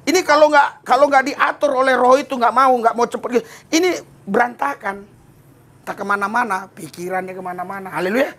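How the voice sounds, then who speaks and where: A male pastor preaching a lively sermon to a church congregation, often laughing and slipping into playful voices to act out prayers. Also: extremely high pitch, a little fast.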